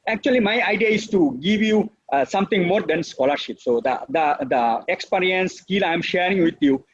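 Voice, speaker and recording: Over dull, lo-fi video-call audio with no echo, a middle-aged Bengali-speaking professor from Bangladesh lectures in an unscripted webinar. His high-pitched voice is animated and moderately paced, and his Bangladeshi-accented delivery is earnest, repetitive and full of fillers.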